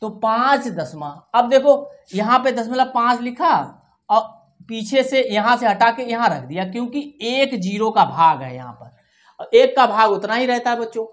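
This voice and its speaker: A woman's voice: fairly high pitch, expressive, normal speed. A woman teaching a primary school maths lesson to children, patiently repeating each number digit by digit and often checking whether they follow. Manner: keeps checking in with "theek hai".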